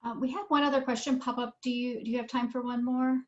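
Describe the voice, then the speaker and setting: A woman's voice: fairly high pitch, level tone, fast talker. A woman moderating a webinar, reading out audience questions with some ums. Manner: reads questions with um fillers. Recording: dull lo-fi web audio.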